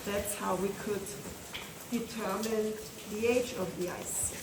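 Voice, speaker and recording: A woman's voice: medium pitch, fairly even intonation, slow pace. A woman guiding a tour, explaining step by step, her voice echoing through a cave. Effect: cave echo. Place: inside a large ice cave. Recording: echoey cave, from a distance, background noise.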